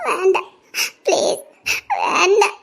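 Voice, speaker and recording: A woman's voice: very high voice, steady tone, fast talker, darkish tone, voice pushed up. A woman with a Tirunelveli accent voicing a frightened young wife who whimpers and pleads tearfully. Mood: pleading. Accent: Tirunelveli Tamil.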